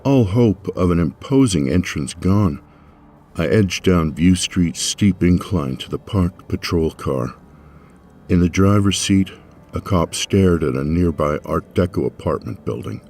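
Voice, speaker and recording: A man reading a first-person novel aloud as an audiobook narrator, wry and expressive. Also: low voice, unhurried, slightly rough.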